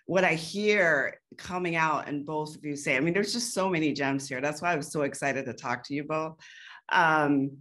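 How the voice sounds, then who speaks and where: A woman's voice: low-pitched, moderate pace, a bit bright. A woman hosting a panel conversation, putting questions to the guests in a conversational way. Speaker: panel moderator.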